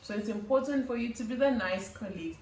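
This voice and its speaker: A woman's voice: fairly high pitch, lively intonation, fast, darkish tone, a little hiss or hum. A young woman vlogging advice on nursing school, earnest and instructive as she lists tasks. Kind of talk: advice vlog talking to camera. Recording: roomy, slightly distant mic.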